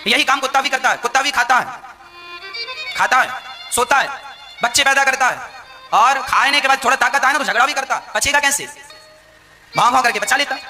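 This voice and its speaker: High, bright-voiced Hindi preacher. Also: male voice. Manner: expressive storytelling with acted quotes and repetition. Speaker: katha preacher. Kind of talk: devotional katha sermon. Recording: reverberant hall, faint violin music.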